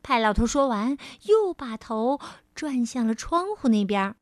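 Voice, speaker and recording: A woman storyteller reading a children's storybook aloud in a gentle, expressive way. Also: a little high, unhurried, dry recording, clean studio sound. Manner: gentle, expressive, lingering on phrases.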